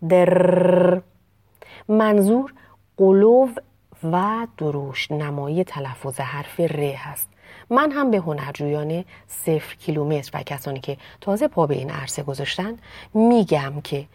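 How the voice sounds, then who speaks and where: A woman teaching pronunciation, explaining calmly and reciting verse slowly and expressively between sound drills. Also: low voice, no room sound. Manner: calm explanatory teaching, addresses listeners politely. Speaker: speech and diction teacher. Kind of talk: pronunciation lesson with poetry recitation.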